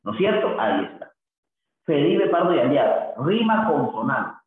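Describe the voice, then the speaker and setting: A man teaching a literature class in a slightly high voice. He keeps checking in with his listeners through tag questions and stretches recited verses into a sing-song drawl. The sound is thin and phone-like, with heavy echo. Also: big pitch swings, moderate pace. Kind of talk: classroom lecture.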